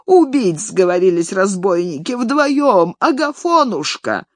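Reader voicing an old peasant man, shrill, squealing, giggling, jumpy pitch, dry close sound. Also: very animated, slow, no room sound. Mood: whimpering. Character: cantankerous old peasant father, shrill and wheezing.

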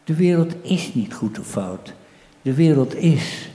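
A man voicing a patient mother, answering her unborn child in calm, measured replies. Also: fairly high pitch, voice pushed up. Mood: serene. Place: church. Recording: reverberant church hall.

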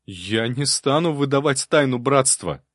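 A man's voice: mid-range voice, animated, unhurried, no echo, clean studio sound, pitched above the performer's own voice. A man voicing a frightened, stubborn young novice monk who talks in a desperate, pleading way. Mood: anxious.

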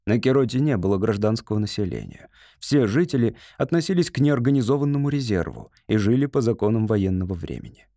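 A man narrating an audiobook in an even, steady reading voice. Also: lowish voice, a little fast, no echo, clean studio sound. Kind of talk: scripted narration.

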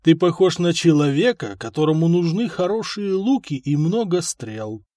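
Cunning old-world merchant, icy calm, voiced by a male narrator. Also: a little high, normal speed, no echo, pitched above the performer's own voice, natural voice. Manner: icy, calculating.

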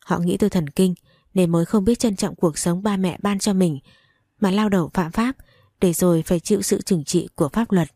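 A woman reads a first-person novel aloud with emotional, dramatic storytelling. Her voice is low and mellow. The recording is dry and close. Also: normal speed, dry recording. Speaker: audiobook reader.

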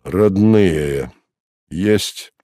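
A man's voice: sits low, drawn-out words, dry recording, clean studio sound. A man reading an audiobook and voicing a weary, ailing male Roman procurator who questions coldly in a dull voice. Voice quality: dull, flat voice. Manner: quiet, cold interrogation.

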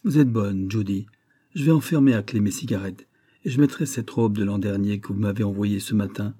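A poised, guarded young society woman, read by a man in a storybook reading, measured and lightly ironic. The voice is dark and husky, close to an ordinary speaking tone. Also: fairly low pitch. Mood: cool. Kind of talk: audiobook character reading.

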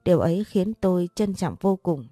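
A woman narrating a sad family story in the first person, reading softly with emotion. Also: on the low side, expressive, normal speed, no room sound, studio quality, faint music behind.

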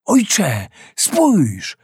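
A man voicing a young fisherman who shouts in fright, pointing out something in the sea to his father. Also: mid-range voice, huge pitch swings, a little slow, gravelly, husky, no room sound, studio quality, full character voice. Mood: frightened. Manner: raised, urgent shouting. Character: young male fisherman, brave but frightened.

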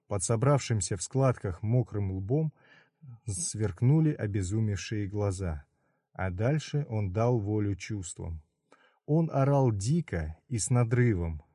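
Brief: male audiobook narrator, mellow dark timbre, steady measured reading, close dry sound. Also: on the low side, no room sound. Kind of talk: scripted narration.

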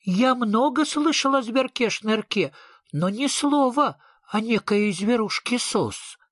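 Sniff, a shrill little creature, voiced by a man. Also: lively intonation, slow, a bit bright, no room sound, studio quality, full character voice. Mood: indignant. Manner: shrill indignant outbursts. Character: small anxious male creature, shrill and excitable.

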